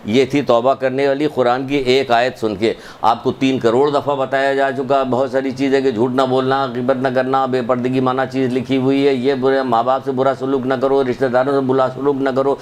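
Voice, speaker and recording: A man's voice: medium pitch, flat delivery, few pauses. An emphatic male preacher delivers a sermon that weaves in a story. He repeats his points and presses the listeners with rhetorical questions. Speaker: religious lecturer.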